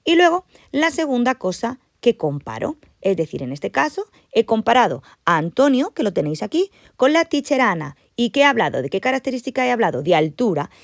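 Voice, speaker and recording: A woman English teacher explaining grammar to her students, lively and emphatic, repeating the key points. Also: on the high side, fairly quick, few pauses, dry recording, studio quality.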